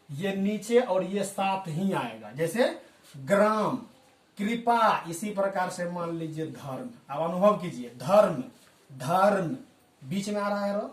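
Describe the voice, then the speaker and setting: A male teacher with a high-sitting voice gives a spoken language lesson, explaining patiently and repeating example words slowly. The room is echoey and he sounds distant from the mic.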